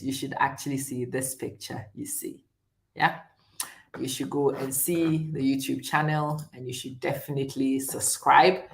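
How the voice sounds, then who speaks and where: A middle-aged woman from Ghana hosts a relaxed live stream and talks straight to her viewers. Her voice sits low, and she speaks slowly and chattily, often breaking into laughter. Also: creaky. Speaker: host.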